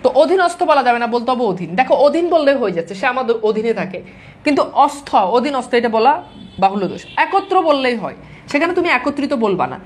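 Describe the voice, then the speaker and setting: A woman's voice: high-pitched, big pitch swings, quick pace. A woman from Bangladesh teaching grammar to exam students, drilling the wrong and right forms over and over and dropping in English words. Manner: mixes English words into speech. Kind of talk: classroom-style lecture to exam students.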